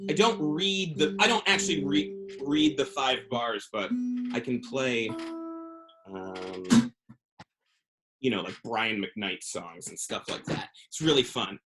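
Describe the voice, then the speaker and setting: A man chats with schoolkids over a video call in an unhurried, goofy way, drifting through ums and restarts as he leads silly call-and-response bits. An acoustic guitar rings out loudly behind him. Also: mid-range voice, animated, low-quality recording. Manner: chatty, loose and goofy, many ums. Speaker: children's performer on a school visit. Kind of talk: playful talk to kids with sing-alongs. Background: his own acoustic guitar.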